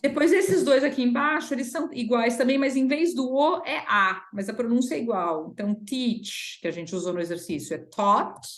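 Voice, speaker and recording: A woman's voice: fairly high pitch, normal speed, few pauses. Patient Brazilian woman teaching English. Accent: Brazilian Portuguese. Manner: patient, mixes English and Portuguese, drills pronunciation. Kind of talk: one-on-one language lesson. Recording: roomy echo.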